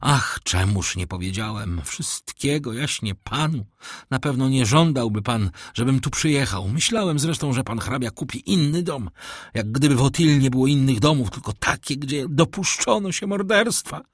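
A man's voice: medium pitch, lively intonation, moderate pace, husky, no room sound, clean studio sound, voice pushed up. A man voicing a frightened, superstitious male steward who pleads in an agitated voice, in an audiobook reading. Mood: terrified. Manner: agitated and pleading, voice rising in fear.

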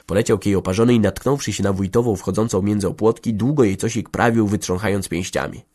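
A man narrating a literary audiobook in a steady, even manner. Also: on the low side, fast.

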